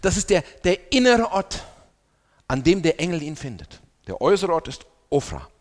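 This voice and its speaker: A male preacher delivers a sermon, reading scripture and speaking straight to the congregation. His pitch rises and falls freely as he stresses his points. His voice carries a long reverb tail from a large hall. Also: normal speed. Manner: addresses the congregation directly, lively emphasis.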